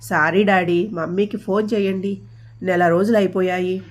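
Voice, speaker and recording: A woman's voice: on the low side, fairly even intonation, normal speed, close to an everyday voice. A woman voicing a young adult elder daughter who keeps pleading with her father in a storybook reading. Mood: apologetic. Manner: pleading, insistent.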